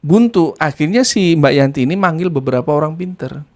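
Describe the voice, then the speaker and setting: Animated man telling a spooky tale. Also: on the high side, fairly quick. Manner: animated, acts out voices and sound effects. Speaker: storyteller. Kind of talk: casual spoken storytelling.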